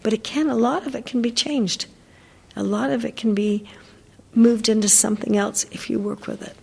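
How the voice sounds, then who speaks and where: A woman's voice: on the high side, fairly even intonation, normal speed, creaky, darkish tone, husky, in a large hall. An older woman, a dog trainer, chatting in an interview and telling stories with lots of fillers and restarts. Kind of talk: casual interview chat.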